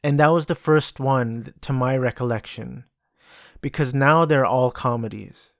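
A man speaks slowly and unhurriedly in a casual solo podcast, his sentences rambling and restarting with lots of filler. His voice sits at an ordinary middle pitch. The sound is dry and close, from a room at home. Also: creaky, no room sound. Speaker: podcast host. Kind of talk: casual solo movie talk.

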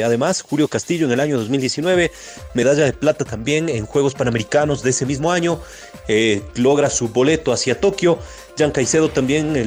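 A man with an Ecuadorian accent giving a halting live sports report on the radio, often hesitating. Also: mid-range voice, a little mellow.

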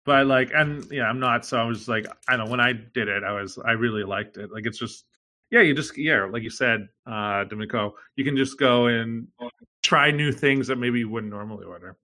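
A man chatting loosely with friends, his voice bright and a little sharp. He rambles, piles up fillers and swears casually as he goes. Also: medium pitch, fairly quick. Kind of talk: casual chat.

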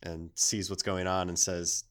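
A man's voice: low voice, level tone, unhurried, a bit bright, clean tone. A man co-hosting a podcast, telling made-up stories in a loose, joking, slangy chat. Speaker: podcast co-host. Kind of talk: casual improv storytelling chat.

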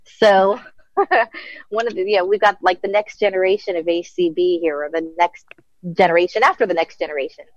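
Give me a woman from Florida talking casually about her family, with a lot of fillers. Her voice sits in a middle pitch. The audio is dull, lo-fi and dry. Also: moderate pace, no echo. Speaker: panel guest. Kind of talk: casual chat on a panel.

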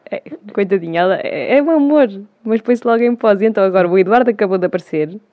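A woman's voice: medium pitch, phone-quality sound. Outspoken young Portuguese woman. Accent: European Portuguese. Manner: outspoken, quick to correct details. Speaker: podcast co-host. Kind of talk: casual chat.

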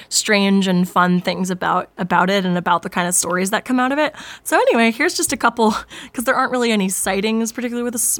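A woman hosting a podcast, chatting casually and reading online stories aloud in an informal, self-amused manner. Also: mid-range voice. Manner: chatty, informal, quick to giggle at herself. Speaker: podcast host.

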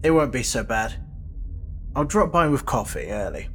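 A man's voice: mid-range voice, very animated, normal speed, a little hiss or hum, natural voice. A man playing an easygoing, dryly amused spacefarer in a sci-fi audio drama.

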